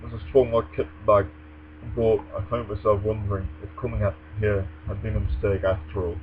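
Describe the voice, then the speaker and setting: A young man speaks English in an articulate, formal manner for a personal vlog, reading aloud and casually answering a tag challenge. His voice is on the low side, a little fast, with little pitch movement. A dull lo-fi microphone picks him up along with mains hum.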